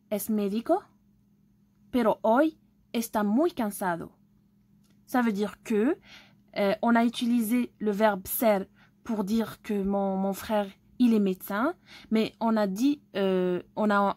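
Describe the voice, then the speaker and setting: A woman's voice: medium pitch, mellow, dry recording. A woman from Algeria teaching an online language lesson, explaining step by step and often checking that viewers follow.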